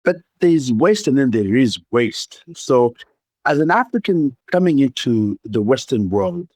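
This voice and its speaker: A man's voice: mid-range voice, expressive, measured pace, darkish tone, no echo. Playful Ugandan man, dry close sound. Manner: playful, laughing often, expansive storyteller. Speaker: guest. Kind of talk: podcast interview.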